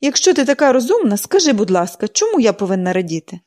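A woman's voice: fairly high pitch, sing-song, quick pace, a little mellow. Brief: cranky sick older woman, complaining tone, voiced by a female reader. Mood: irritable. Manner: peevish, grumbling. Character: irritable bedridden older woman.

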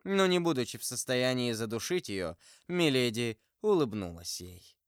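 A man narrating a classic novel as an audiobook, reading in an expressive literary manner. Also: mid-range voice, normal speed, smooth, no room sound, clean studio sound. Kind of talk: scripted narration.

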